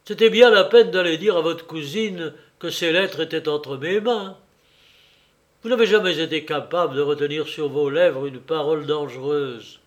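A man voicing an honorable young English gentleman who speaks in a heated, reproachful way, in an audiobook reading. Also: fairly high pitch, moderate pace, close to an everyday voice. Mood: angry.

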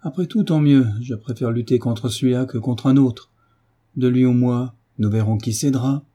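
A man's voice: mid-range voice, normal speed, mellow, natural voice. A man reading a novel aloud, voicing a sulky, hot-tempered teenage boy who defies his mother. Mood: sullen. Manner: sulky and defiant.

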